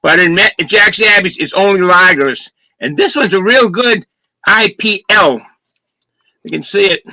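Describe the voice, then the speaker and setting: In a low-quality recording with no room sound, a high-pitched man with a sharp tone talks at a measured pace. He's a beer-reviewing co-host from Boston, Massachusetts, chatting casually on a video call and describing in detail how a beer tastes.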